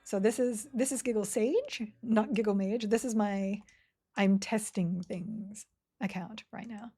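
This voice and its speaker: A woman sits at her desk mic, chatting casually as she plays a game live on stream and reads chat aloud. Her mellow, soft-edged voice sits at an everyday pitch with a breathy edge, and she keeps a measured pace. She rambles and giggles, trailing off and then picking back up.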